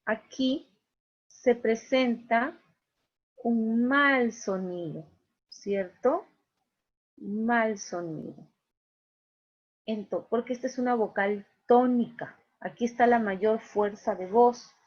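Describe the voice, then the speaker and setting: A woman's voice: on the high side, slow pace. A woman teacher giving a class, explaining patiently step by step and checking in with her students often. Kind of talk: online class lecture. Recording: dull lo-fi recording.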